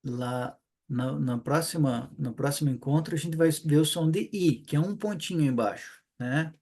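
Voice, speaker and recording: A chatty Brazilian man with a southern accent, leading a relaxed online class. His voice sits a little high for a man, and he keeps tossing in quick check-ins and rhetorical questions as he explains. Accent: Brazilian Portuguese, southern (Paraná). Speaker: Hebrew teacher. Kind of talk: casual online class lecture.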